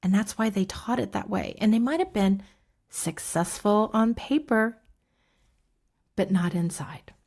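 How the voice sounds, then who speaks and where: A woman in her fifties, a somatic coach, walking through her program in a relaxed, casual way with frequent fillers and soft asides. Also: mid-range voice, a little slow, vocal fry. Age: 50s.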